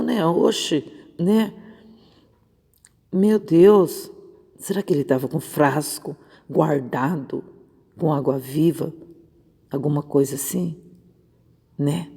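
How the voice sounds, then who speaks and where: Woman, missionary, informal Bible devotional, gravelly, husky, conversational, echoing reverb. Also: sits low, mellow. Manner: conversational, keeps asking "né?". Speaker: missionary preacher.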